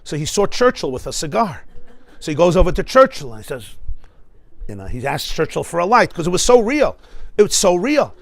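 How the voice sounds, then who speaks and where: A middle-aged American man, a rabbi, teaching a lively class in a synagogue study hall, often laughing and asking the audience questions. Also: a little high, fairly quick, gravelly. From United States.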